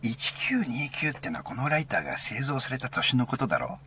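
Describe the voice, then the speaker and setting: A man voicing an excited young male student who gushes in a loud, rapid rush, with an Osaka accent. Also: sits high, vocal fry, slight background noise, pitched above the performer's own voice, heavily acted.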